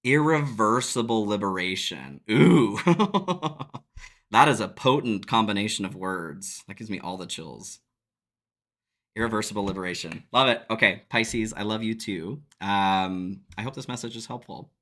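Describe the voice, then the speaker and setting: Tarot reader, male, lowish voice, easygoing and reflective, chatty with viewers. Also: normal speed, hardly any pauses. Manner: relaxed, reflective, laughs often. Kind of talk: casual spiritual tarot reading.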